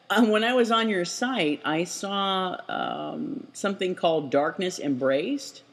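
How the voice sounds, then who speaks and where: A woman's voice: fairly low pitch, unhurried. A woman co-hosting a podcast, teasing and exclaiming, laughing often. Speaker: podcast co-host. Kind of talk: casual podcast chat.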